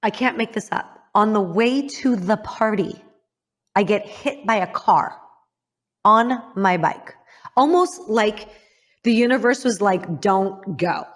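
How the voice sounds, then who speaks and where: A Midwestern podcast host tells her guest a painful personal story, speaking candidly and haltingly with lively intonation. At the hard moments her voice sinks low and soft.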